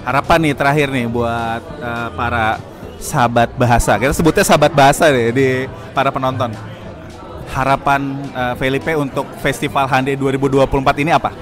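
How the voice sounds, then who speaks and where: A man's voice: medium pitch, fairly even intonation, brisk. A man with an Indonesian accent hosting casual on-site interviews. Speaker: interviewer, host. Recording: music and crowd noise.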